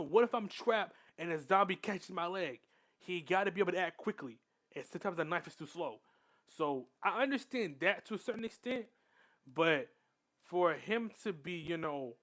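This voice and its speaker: A man's voice: sits high, lively intonation, normal speed, fairly bright tone. A young man hosting a reaction video, chatting casually and often restarting his sentences. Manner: chatty, restarts often, keeps saying "bro".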